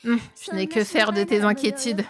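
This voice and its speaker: A woman with a French accent voicing a sharp-tongued, prickly young woman, reading game lines on stream. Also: mid-range voice, moderate pace, music in the background, close to an everyday voice. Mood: indignant. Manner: snappish and scornful.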